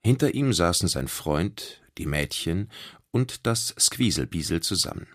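A man narrating a children's audiobook in an expressive storytelling manner. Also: deep voice, measured pace.

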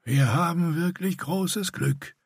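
A man's voice: a little high, slow, slightly rough, dry recording, clean studio sound, voice pushed up, heavily acted. A man voicing a tall, older male warrior who grumbles and speaks dismissively. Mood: haughty.

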